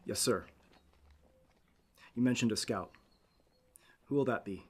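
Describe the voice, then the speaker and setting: A man's voice: mid-range voice, slow, breathy edge. An actor playing an eager, indignant young cavalry lieutenant in a western film, clipped and formal as he protests his orders. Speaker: army lieutenant.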